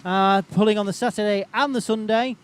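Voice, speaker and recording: A man's voice: high voice, steady tone, fairly quick, smooth. A man working as a tractor pull announcer, giving live, chatty, rambling commentary outdoors. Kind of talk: live unscripted event commentary. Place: outdoors at a tractor pulling event.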